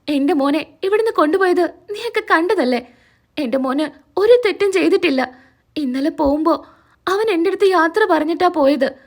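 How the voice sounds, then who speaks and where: A distraught, pleading mother insists her son has done nothing wrong, voiced by a woman reading the scene. Her voice is high and urgent. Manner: pleading, despairing.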